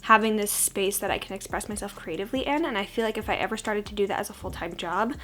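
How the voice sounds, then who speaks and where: A woman's voice: medium pitch, quick pace, fairly bright tone, soft background music. A young woman with a froggy, under-the-weather voice, chatting casually and self-deprecatingly as a beauty vlogger doing a get-ready-with-me. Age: young adult. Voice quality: froggy, congested sick voice. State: sick with a cold-like hoarseness.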